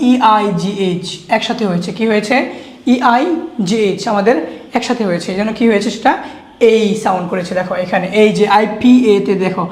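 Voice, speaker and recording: A woman's voice: medium pitch, a little mellow. A woman teaching English pronunciation, repeating each word several times and quizzing her listeners. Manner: patient, drawn-out spelling of letters. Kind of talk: classroom-style phonics lesson. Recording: echoey room.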